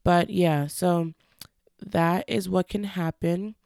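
A woman hosting a casual solo podcast, talking frankly and earnestly while stuffy from a cold, speaking slowly on purpose. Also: fairly low pitch, fairly even intonation, gravelly, darkish tone, dry recording, clean studio sound. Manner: frank, earnest, slowed deliberate delivery. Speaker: podcast host.

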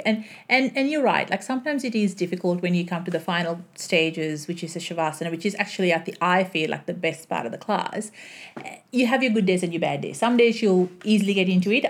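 A woman's voice: on the low side, quick pace. Thoughtful woman in her thirties, interview guest. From Sri Lanka. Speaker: yoga and Pilates teacher. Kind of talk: casual interview chat.

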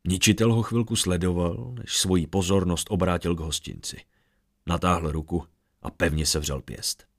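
A man's voice: deep voice, creaky, dry recording, studio quality. A man reading a fantasy audiobook, narrating steadily.

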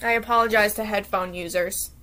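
A woman's voice: mid-range voice, fairly even intonation, a little fast, bright, forceful tone, slight background noise. A young woman hosting her podcast, chatting casually and playfully with her sister, laughing and teasing as they talk. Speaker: podcast host.

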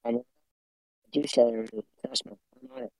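A man's voice: mid-range voice, very animated, vocal fry, warm tone, dry recording, poor audio. A man calling in as a podcast guest, rambling in casual chat while his call connection breaks up and cuts out. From Canada. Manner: fast, rambling, repeats himself. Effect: online call connection breaking up and cutting out.

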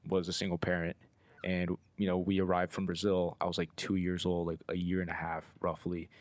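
Give a very low, deep voice to a young man in his twenties hosting a podcast. He rambles loosely, full of "like" and "you know", recorded close and dry with no room sound at all. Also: no echo. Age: 20s. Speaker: podcast host. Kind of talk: casual interview chat.

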